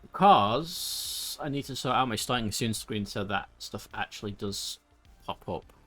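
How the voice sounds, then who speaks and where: A man's voice: fairly low pitch, lively intonation, unhurried, bright, forceful tone, faint music behind. A man chatting casually on a live stream, rambling and laughing often.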